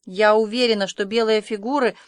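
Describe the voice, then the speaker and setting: A dreamy, dramatic orphan girl, as a woman reader voices her gushes on in long, excited runs of words. Her voice sits at an ordinary middle pitch. The sound is close and dry, with no room around it. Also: fairly quick, no echo, close to an everyday voice. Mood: spooked. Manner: breathless, effusive storytelling.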